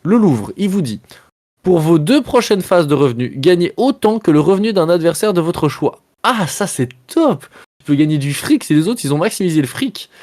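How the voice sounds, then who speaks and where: A man's voice: on the high side, expressive, brisk, warm tone. A man hosting a live board game stream, chatting casually with viewers, joking about himself and reading card texts aloud as he plays. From Belgium. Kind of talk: casual live-stream chat while playing.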